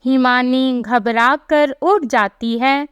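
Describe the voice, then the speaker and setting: A woman tells a storybook tale in plain, sympathetic narration. Her voice sits high and moves very slowly. The recording is close and dry. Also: clean tone, no room sound, muffled recording.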